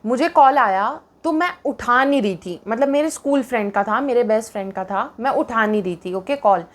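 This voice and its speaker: Young woman, bit high voice, animated storytime chat, flips between hindi and english. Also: normal speed.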